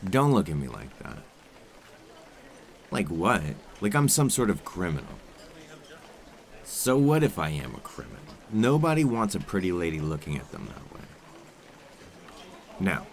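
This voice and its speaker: Man playing a suave, deep-voiced criminal, condescending and commanding. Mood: coolly persuasive. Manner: smooth, condescending, impatient and commanding. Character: suave, menacing male criminal coaxing a captive dinner date. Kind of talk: scripted ASMR role-play.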